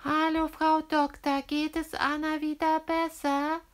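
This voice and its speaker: A woman's voice: high voice, little pitch movement, a little slow. A woman voicing a worried, caring mother in a children's toy-figure story, sighing with concern.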